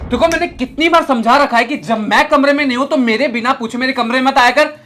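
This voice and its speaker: A man's voice: high-pitched, lively intonation, normal speed, background noise. A young man playing an arrogant employer who harshly and contemptuously scolds his maid. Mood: angry scolding. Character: arrogant young male boss, short-tempered. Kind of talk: short film acting.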